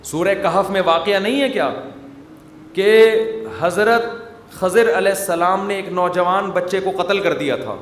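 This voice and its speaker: Male preacher, Pakistani Urdu accent, jokey sermon, roomy recording with faint hiss. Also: sits high. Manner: joking, teasing asides to the audience. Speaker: Islamic preacher. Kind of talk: humorous sermon. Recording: echoey hall with faint noise.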